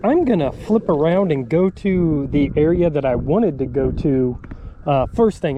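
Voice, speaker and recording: Pedaling a kayak on a tidal creek, a fishing channel host vlogs in a relaxed, chatty outdoor style full of ums and uhs, a little out of breath. His voice is fairly high, with background noise.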